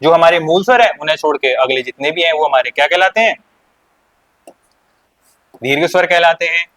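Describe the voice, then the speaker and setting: A man teaching an exam-prep class with an Uttarakhand accent, his voice pitched a little high. He keeps asking his students questions and then answering them himself. Key points get repeated as he moves through the lesson. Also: a little fast, a bit bright. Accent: Uttarakhand Hindi.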